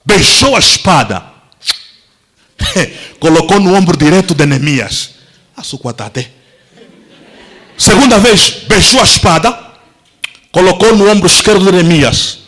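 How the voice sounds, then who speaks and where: A male pastor, telling a Bible story as a dramatic Pentecostal sermon, acting out voices and shouting at the peaks. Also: sits high, lively intonation, a little slow, pauses often, low-quality recording. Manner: theatrical, acts out the story's voices, shouts at climaxes.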